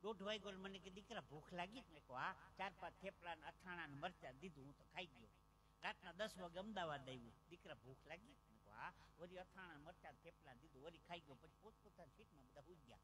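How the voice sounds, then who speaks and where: A man's voice: on the high side, quick pace, a little hiss or hum. A man with a Gujarati accent telling jokes and stories as a folk comedian on a live village stage, acting out the voices of his characters. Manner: animated joke-telling, acting out other voices. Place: outdoor village stage with a PA system.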